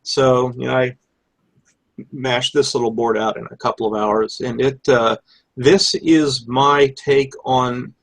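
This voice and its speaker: A man's voice: medium pitch, steady tone, takes it slowly, a bit bright, poor audio. A man giving an informal technical show-and-tell, with computer mouse clicking behind his talk. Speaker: electronics hobbyist presenter. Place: live online hangout with screen share.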